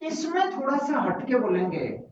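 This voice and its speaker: A man teaching a grammar lesson, explaining slowly and repetitively and reciting letters one by one. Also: very high-pitched, very animated, slight background noise. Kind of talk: classroom-style grammar lesson. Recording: echoey, muffled room from far off.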